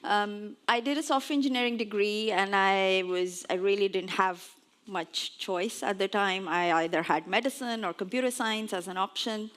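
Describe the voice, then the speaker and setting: With a mid-range, fairly bright voice at a normal speed, this woman in her forties, originally from Pakistan, speaks at a conference. She stands on stage before an audience, chatting and gently poking fun at herself.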